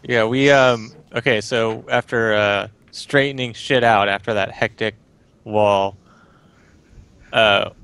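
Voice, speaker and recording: A man's voice: lowish voice, fairly even intonation, slow pace, fairly bright tone, clean tone. A man chatting casually as a player in a tabletop game, planning his character's moves.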